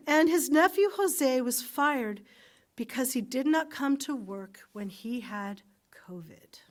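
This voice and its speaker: A woman leading a congregation's joys and concerns in a gentle, informal way, with a few fillers. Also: high-pitched.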